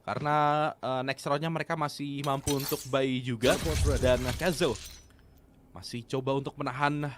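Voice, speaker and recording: A man with an Indonesian accent doing live play-by-play like a fighting game announcer, excitable, building tension with exclamations and rhetorical questions. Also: medium pitch, normal speed. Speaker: esports play-by-play caster. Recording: clear game gunfire and clicking noise.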